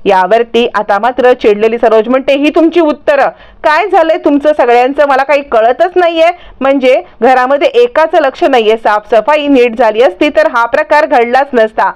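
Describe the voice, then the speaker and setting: Woman narrator, high voice, lively storytelling recap, voices quotes herself. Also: normal speed, smooth. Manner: lively, narrates every character's lines herself.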